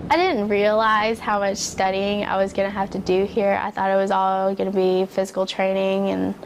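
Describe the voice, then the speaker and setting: A woman's voice: mid-range voice, flat delivery, normal speed, a little hiss or hum, poor audio. A young American woman, a recruit, giving a casual, reflective personal account. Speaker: military recruit.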